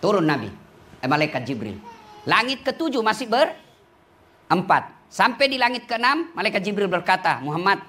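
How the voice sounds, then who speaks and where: A male Islamic preacher giving a humorous sermon to women, teasing and lively, with big swings in pitch. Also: normal speed.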